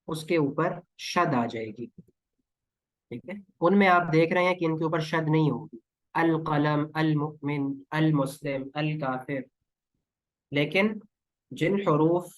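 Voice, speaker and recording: A male teacher leads a grammar lesson at a slow, deliberate pace. He sounds down to earth and repeats words patiently for his class, with a slightly high voice. The recording is dry and close. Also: dry recording.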